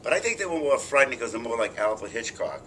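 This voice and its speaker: Rambling older man, bright-edged voice. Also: mid-range voice, fast, a little hiss or hum. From Boston. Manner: animated, rambling, profane storyteller. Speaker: interviewer. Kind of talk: casual interview chat. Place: press junket room.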